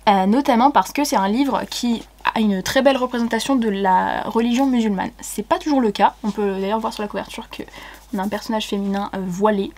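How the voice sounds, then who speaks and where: A young woman chatting casually as she unboxes books, excitable and giggly, with many fillers. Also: medium pitch, fairly quick. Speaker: book vlogger.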